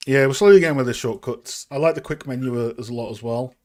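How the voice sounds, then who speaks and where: A man's voice: mid-range voice, quick pace, darkish tone. Man chatting casually, full of fillers. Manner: rambling and self-deprecating, many fillers. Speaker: streamer and game art host. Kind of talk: casual live-stream chat while modeling.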